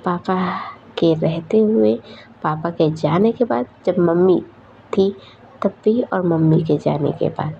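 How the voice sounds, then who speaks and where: A woman's voice: on the low side, gravelly, highs cut off, slight background noise. A woman voicing an anxious young female student who pleads and asks worried questions.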